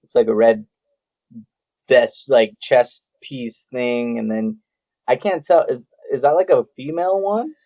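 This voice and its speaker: A man talking casually on a podcast in a laid-back, joking way. His voice is gravelly, and the audio comes through dull and lo-fi. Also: medium pitch, unhurried, dark tone. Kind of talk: casual chat. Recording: dull lo-fi sound.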